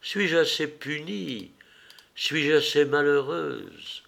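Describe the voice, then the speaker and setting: A man's voice: fairly high pitch, lively intonation, slow pace, gravelly, a bit bright, exaggerated voice. A man reading Acté, a fearful young Greek woman. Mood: pleading. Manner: pleading, tender reading. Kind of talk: audiobook reading.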